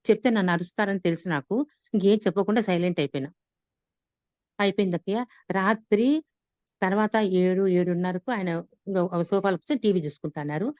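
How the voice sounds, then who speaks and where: Fast-talking woman. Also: mid-range voice, no echo. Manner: animated retelling with frequent restarts. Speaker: class participant sharing an experience. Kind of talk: casual personal storytelling on a video class. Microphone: video call.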